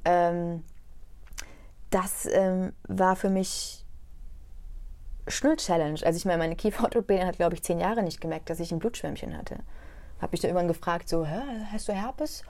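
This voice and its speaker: A young woman talks through a personal topic in an unhurried, reflective way on a conversational podcast. She grows more animated when she recounts anecdotes. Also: lowish voice. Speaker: podcast co-host. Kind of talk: casual conversation.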